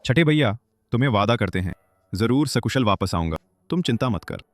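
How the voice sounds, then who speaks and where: An actor playing a gentle young man, a doting older brother who speaks softly and reassuringly in a dubbed drama. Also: mid-range voice, expressive, brisk, natural voice. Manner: soft, reassuring.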